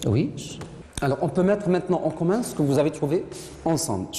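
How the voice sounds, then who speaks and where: A woman with a low, lively voice teaching a classroom lesson. She patiently repeats what her pupils answer. The recording is echoey and noisy, taken from a distance in a classroom. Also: a little fast. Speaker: French teacher.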